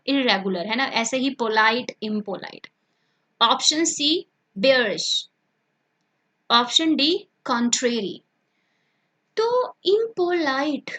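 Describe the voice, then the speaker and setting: A woman's voice: high voice, bright, forceful tone. A woman teaching an exam-prep vocabulary lesson, explaining words in Hindi and repeating terms, often checking in with her students.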